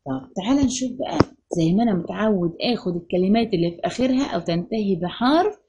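A woman with an Egyptian accent, teaching a first-grade Arabic phonics lesson. She drills with questions and answers and draws out the example words slowly. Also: mid-range voice, animated, muffled recording, background noise. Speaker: primary school Arabic teacher.

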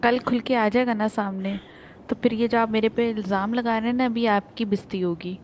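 A woman in a role-play game session, speaking quietly and softly. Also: fairly high pitch, fairly even intonation, fairly quick, slight background noise. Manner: quiet, soft-spoken. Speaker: fellow role-play player.

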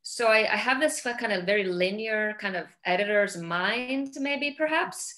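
A middle-aged Icelandic film director with an Icelandic accent chats casually over a video call from a home room with large windows. Her mid-range voice is expressive, a little slow, and bright and forceful in tone. She is thoughtful, often repeating words as she searches for the right phrasing.

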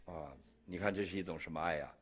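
A middle-aged preacher from China with a Beijing accent shares his testimony in a sermon, acting out the dialogue. He tells it with animation and quick pacing, his husky voice jumping in pitch and loudness.

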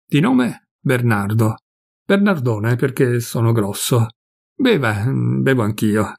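A man's voice: medium pitch, lively intonation, slow, creaky, a little mellow, full character voice. A man voicing a fat, jovial man in his fifties who gossips and confides, pleased with himself, in a storybook reading. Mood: chatty.

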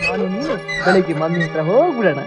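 An actor playing a young man who calms a crying child with gentle reassurances in a film. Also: sits high, over loud music. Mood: soothing. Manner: soothing, quick. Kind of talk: film drama acting.

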